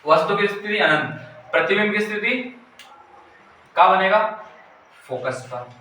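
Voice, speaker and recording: High, bright-voiced teacher in an echoey room. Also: male voice, animated, measured pace. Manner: asks questions and answers them himself, repeating key terms. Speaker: physics teacher. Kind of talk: classroom-style explanation. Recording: echoey room, mic far off, faint hiss.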